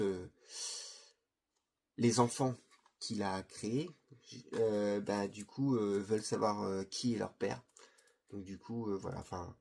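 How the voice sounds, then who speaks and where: Hesitant man chatting casually, warm husky voice. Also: fairly low pitch. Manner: hesitant, many fillers and restarts. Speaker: video host presenting his Blu-ray collection. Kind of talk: casual chat.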